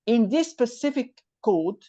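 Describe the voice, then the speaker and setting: Over a video call, a computer science tutor patiently walks a student through each step of a loop, checking that they follow along. The voice is medium-pitched, very animated, unhurried and warm. It was captured as a screen recording through the computer mic, so the audio sounds dull and dry.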